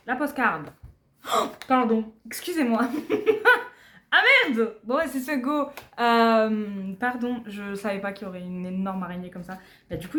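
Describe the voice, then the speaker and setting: Giggly young woman unboxing in echoey room. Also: mid-range voice. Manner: chatty, giggly, mutters asides softly. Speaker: unboxing vlogger. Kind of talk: casual unboxing chat. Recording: echoey room, faint background noise.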